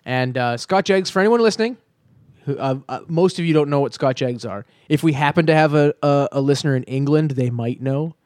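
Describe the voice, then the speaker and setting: A man's voice: on the high side, brisk, a little mellow, no echo, studio quality. A man co-hosting a casual comedic chat, rambling and riffing in put-on voices. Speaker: podcast co-host.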